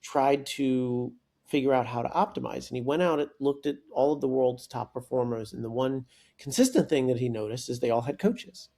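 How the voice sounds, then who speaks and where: Brief: man in his forties, podcast guest, gravelly and mellow, animated storyteller who restarts sentences. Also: mid-range voice, normal speed. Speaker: guest, startup coach and author.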